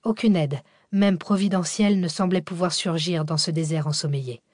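A woman reads a thriller audiobook in a steady, measured way. Her voice sits on the low side, and the recording is dry and close. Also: no echo. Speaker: audiobook narrator. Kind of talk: scripted narration.

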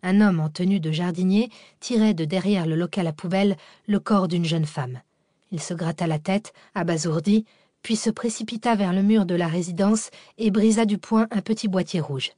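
A woman narrates a thriller with even, dramatic pacing. Her voice is on the low side, recorded close on a studio mic with a dry, roomless sound. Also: moderate pace, dry recording. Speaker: audiobook narrator. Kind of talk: scripted narration.

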